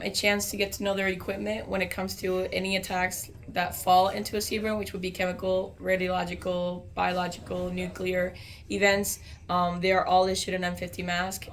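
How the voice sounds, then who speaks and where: A woman's voice: mid-range voice, a little hiss or hum. An American woman, a soldier, explaining training procedures in an informal interview.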